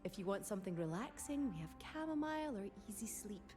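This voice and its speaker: A woman's voice: mid-range voice, fast, music in the background, close to an everyday voice. A woman with a Scottish accent playing a chatty, cheerful tea shop clerk in a video game. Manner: bubbly, fan-struck, lively.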